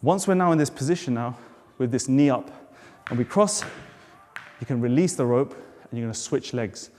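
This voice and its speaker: A man's voice: medium pitch, expressive, moderate pace, darkish tone, slight background noise. A man coaching a jump rope move step by step, a bit out of breath, with encouraging cues. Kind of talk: tutorial instruction. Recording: hall reverb, faint music.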